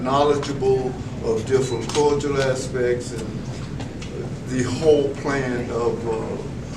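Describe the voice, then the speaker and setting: Seated away from the microphone in a reverberant school room, with a steady hum of background noise, a Texan man in his seventies reflects on his years as an educator. He's being interviewed and replies slowly and evenly at medium pitch, with formal wording and many filler pauses.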